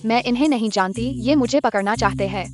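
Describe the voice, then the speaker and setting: A woman's voice: a little high, brisk, crowd noise, lightly acted. A woman dubbing a fierce little girl who is protective of her mother, in a childlike, indignant voice. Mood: pleading. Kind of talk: Hindi dubbing of a drama. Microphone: dry close studio mic.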